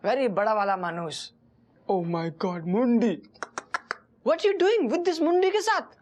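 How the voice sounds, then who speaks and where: A woman's voice: fairly high pitch, animated, slow pace, darkish tone, slight background noise. A giddy Hinglish-mangling woman. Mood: excited. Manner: mixes broken English into Hindi, exclaims often.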